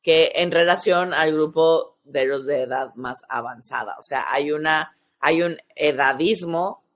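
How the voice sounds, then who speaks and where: A sexologist in her early forties with a Mexican accent hosts a podcast, explaining things step by step in a conversational way and often checking in with short tag questions. Her voice is low and her pace measured.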